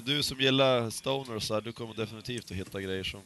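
A man's voice: lowish voice, crowd noise. A man co-hosting a casual podcast chat, talking hesitantly with many fillers and restarts. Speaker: podcast co-host.

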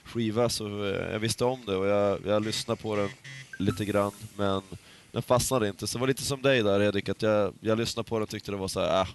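Low-voiced man chatting with many fillers. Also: steady tone, few pauses, a little hiss or hum. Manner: hesitant, many fillers and restarts. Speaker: podcast co-host. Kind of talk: casual chat.

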